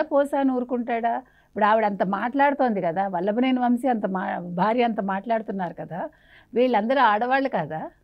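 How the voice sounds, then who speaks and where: A woman's voice: fairly high pitch, dull audio. A woman journalist giving a heated, indignant interview in a scolding way.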